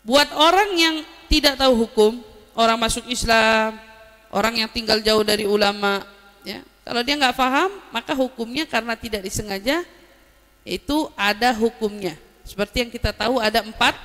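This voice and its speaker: A woman giving a lively religious lesson, explaining Arabic terms and telling anecdotes. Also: a little high, normal speed, big-room sound. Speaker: Islamic religious teacher.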